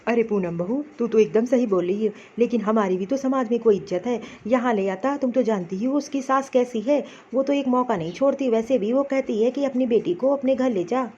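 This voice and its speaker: A woman's voice: fairly high pitch, fairly quick, few pauses, warm tone, breathy edge. A woman playing a kindly cartoon father, lo-fi. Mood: soothing. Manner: coaxing, reassuring. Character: kindly older father, soothing and worried.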